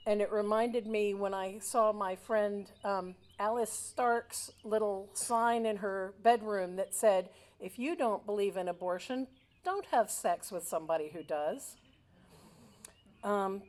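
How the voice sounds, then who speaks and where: A woman in her fifties who grew up in Switzerland gives a rambling personal speech as an alumna at a memorial, full of "um" fillers. Her voice is medium-pitched and a little mellow, and the recording is rough.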